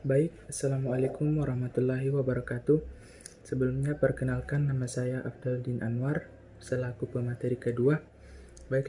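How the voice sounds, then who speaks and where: A young man giving a class presentation, slowing down carefully to pronounce example words. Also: mid-range voice, mellow, slight background noise. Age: young adult. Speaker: student presenter.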